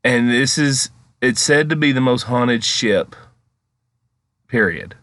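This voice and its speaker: A man's voice: medium pitch, slow, a bit bright, no room sound. A man giving casual, rambling, conversational commentary as a paranormal vlog host. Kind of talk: casual storytelling commentary over footage.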